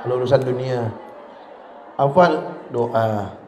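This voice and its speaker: A man's voice: mid-range voice, slow pace, a little mellow. A man giving a humorous religious lesson, who acts out little scenes in quoted voices, recorded in a lecture hall. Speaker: religious teacher. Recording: echoey hall with faint noise.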